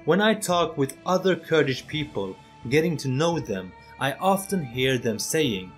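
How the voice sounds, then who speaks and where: A man's voice: fairly high pitch, expressive, measured pace, soft background music. A man hosting an opinion video as a voice-over, earnest and persuasive, speaking straight to his viewers. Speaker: channel host.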